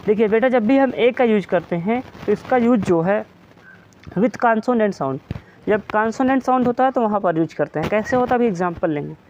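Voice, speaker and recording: A man's voice: high-pitched, expressive, fast, hardly any pauses, a little mellow. A man teaching an English grammar lesson in Hindi. He fondly calls his students "beta", then asks questions and answers them himself. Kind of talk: Hindi-language grammar lecture. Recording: slightly muffled with faint hiss.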